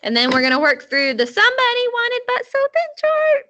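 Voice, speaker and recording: A woman teacher reading a novel aloud to her class in an animated way, with chatty asides. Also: very high-pitched, brisk, a little hiss or hum. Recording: dull lo-fi audio.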